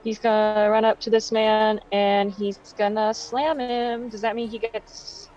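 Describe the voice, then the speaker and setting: A woman's voice: fairly high pitch, flat delivery, unhurried, darkish tone, slight background noise. A woman playing a tabletop game, talking casually and a little unsure of herself. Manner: hesitant, unsure. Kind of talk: casual chat. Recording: dull lo-fi sound.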